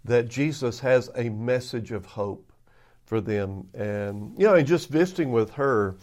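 A man's voice: medium pitch, measured pace, darkish tone. A man speaking as a pastor on a podcast, answering conversationally into his own microphone. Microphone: own separate microphone.

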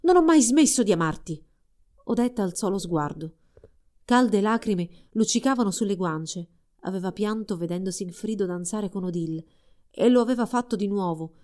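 A woman reading a fairy tale aloud in a calm, expressive storybook narration. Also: lowish voice.

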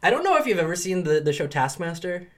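A man's voice: sits high, big pitch swings, fast. A man co-hosting a podcast as a professor, in rambling casual chat full of ums and restarts.

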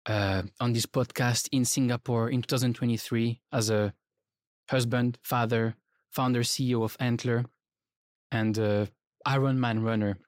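A man's voice: medium pitch, steady tone, normal speed, no room sound. Eager male podcast host, dry sound. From Switzerland. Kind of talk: interview conversation. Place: podcast studio.

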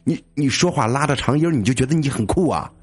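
A man's voice: mid-range voice, lively intonation, fast, breathy edge. A man doing a brash, mocking dorm student. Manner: mocking and blunt. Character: brash, foul-mouthed male dorm student.

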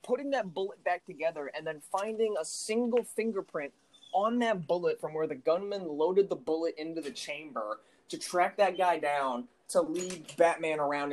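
A man's voice: fairly high pitch, low-quality recording. A young man co-hosting a casual podcast, ranting with run-on sentences and profanity while walking through his home. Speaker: podcast co-host.

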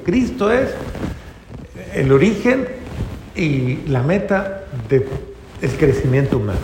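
A man preaching a sermon to a congregation, asking rhetorical questions and often softening to a gentle, tender tone. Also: fairly high pitch, slight background noise. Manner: rhetorical questions, drops to soft tender tones. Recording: echoey hall with faint ambience.

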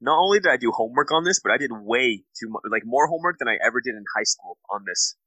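A man's voice: medium pitch, animated, fast talker, sharp tone, no echo, low-quality recording. A man co-hosting a podcast, joking casually with his friends. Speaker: podcast co-host. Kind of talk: casual comedic banter.

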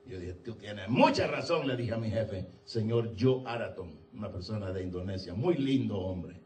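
A man preaching a fervent sermon, often shouting and breaking in with short cries of praise. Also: on the low side, lively intonation, moderate pace, distant mic. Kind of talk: impassioned sermon.

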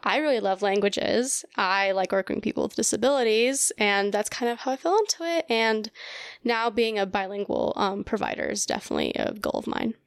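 An American woman from Colorado in her early twenties, a graduate student, chats casually as a podcast guest in an interview, often dropping in "like". Her mid-range voice is very animated and brisk. The recording is dry, with clean studio sound.

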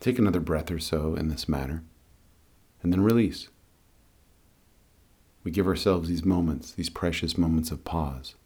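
Here a breathing and meditation guide talks slowly and gently, his manner calm and soothing. The voice is male, husky and extremely low.

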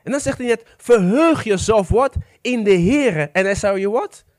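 A man's voice: high-pitched, lively intonation, normal speed, no echo. A male preacher delivering an emphatic sermon, asking the congregation questions and dropping into English phrases now and then.

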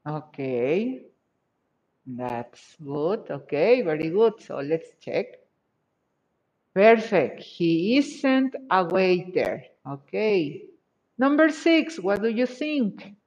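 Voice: mid-range voice, very animated, a little mellow. An English teacher going over exercise answers with a class, praising each answer and switching between English and Spanish. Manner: encouraging, checks answers with short praise; slow, deliberate delivery. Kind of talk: live class exercise review. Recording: dull lo-fi audio.

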